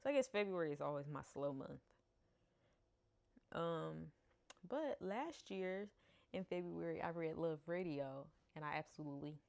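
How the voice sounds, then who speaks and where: A US woman in her thirties with a medium-pitched, darkish voice and vocal fry chats casually at home into a camera mic. She's a book vlogger who laughs often and stumbles over names.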